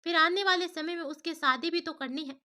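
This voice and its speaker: A woman's voice: very high-pitched, fairly quick, bright, forceful tone. A woman voicing a caring elder sister who talks in an earnest, persuasive way. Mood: worried.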